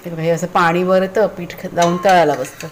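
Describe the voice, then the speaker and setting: A woman's voice: fairly low pitch, fairly even intonation, fairly quick, slight background noise. A woman from Konkan, Maharashtra, chatting casually as she explains her cooking to viewers in a home vlog. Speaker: vlogger. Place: village home kitchen.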